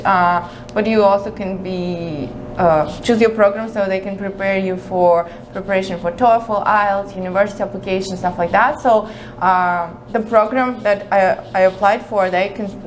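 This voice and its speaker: A woman's voice: medium pitch, a little hiss or hum, low-quality recording. Hesitant woman from Kazakhstan. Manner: hesitant, many fillers and restarts. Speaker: guest. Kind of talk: casual interview answers.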